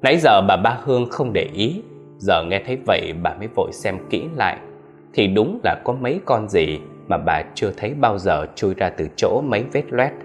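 A man narrating a horror story in an expressive storytelling manner, with soft music underneath. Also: fairly low pitch, normal speed.

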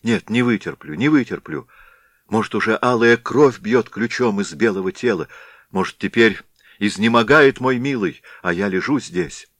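A man's voice: lowish voice, lively intonation, normal speed, fairly bright tone, no echo, studio quality. A man voicing a desperate young Cossack wife. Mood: pleading. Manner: impassioned, pleading, raised voice.

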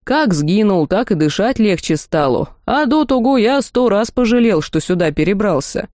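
A woman's voice: mid-range voice, very animated, normal speed, darkish tone, no echo, studio quality, natural voice. A woman voicing a small bearded male house spirit with folksy, rustic speech, in a storybook reading. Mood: relieved.

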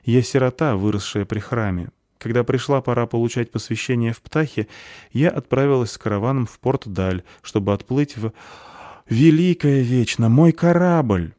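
A man's voice: medium pitch, fairly quick, darkish tone, no echo, studio quality, voice pushed up, natural voice. A man voicing a young orphan novice girl who speaks politely and timidly in an audiobook. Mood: timid, earnest. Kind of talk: audiobook character voice.

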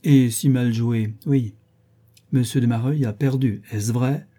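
A man reading an audiobook, voicing a proud, stubborn young gentleman who argues insistently. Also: mid-range voice, fairly even intonation, measured pace, husky. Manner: insistent, indignant.

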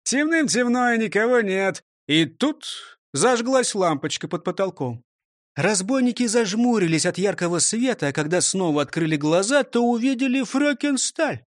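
Male narrator, children's storybook, high lively voice, dry close sound. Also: moderate pace, no echo. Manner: animated, expressive reading.

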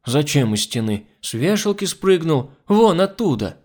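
Whiny old nanny lady, as a man puts her on, high and slow, crossing herself type, audiobook. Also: very animated, darkish tone. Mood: terrified. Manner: whining, superstitious. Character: old frightened woman servant, pious and whining. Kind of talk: audiobook reading.

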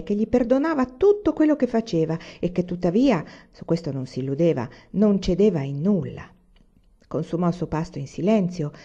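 A woman reading a novel aloud as an audiobook, in a calm, measured storytelling manner. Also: lowish voice, highs cut off. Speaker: reader.

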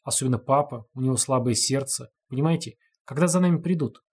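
A man voicing a frightened captive woman who pleads tearfully and haltingly, in a storybook reading. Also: mid-range voice, slightly rough. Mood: anxious.

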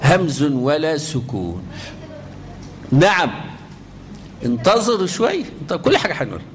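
A man with an Egyptian accent leads a lesson on the rules of Quranic recitation, speaking in a fairly high voice. He drills his students with repeated call-and-response questions. Between the questions he chants the verses in a melodic style. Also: big pitch swings, a little slow, crowd noise. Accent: Egyptian Arabic.

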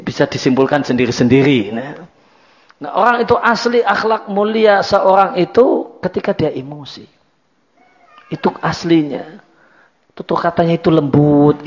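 High-pitched guy teaching a religious class, talks casual and repeats himself, muffled old recording. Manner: conversational, repetitive, drops in Javanese words. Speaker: Islamic teacher. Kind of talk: religious study lecture. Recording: dull lo-fi lecture recording.

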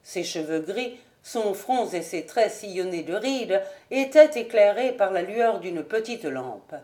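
Slow-reading woman audiobook narrator. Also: mid-range voice. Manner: measured, even reading. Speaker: audiobook reader.

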